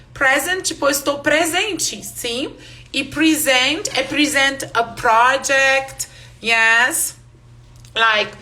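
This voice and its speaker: Slow, bright-voiced woman teaching a class. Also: high voice. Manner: slow, explanatory, repeats words for students. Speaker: English pronunciation teacher. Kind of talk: live online class.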